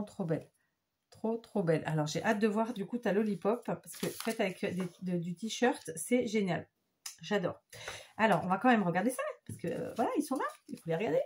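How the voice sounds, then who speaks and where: A woman crafter talks casually to her viewers, showing off papercraft she received in the mail. Her voice is husky and slightly breathy, at a middling pitch. She is enthusiastic and chatty, heaping praise on every detail. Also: lively intonation, moderate pace, a little mellow. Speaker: craft vlogger. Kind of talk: casual show-and-tell chat.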